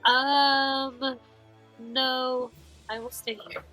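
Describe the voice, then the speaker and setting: A woman's voice: high voice, level tone, drawn-out words, sharp tone, poor audio. A woman playing a tabletop game, chatting casually and hesitantly. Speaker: player. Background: faint music.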